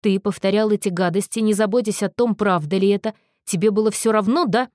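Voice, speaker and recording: A woman voicing a gentle, earnest young man who speaks in a soft, measured, reproachful way. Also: mid-range voice, dry recording, clean studio sound, close to an everyday voice. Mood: firm, reproachful.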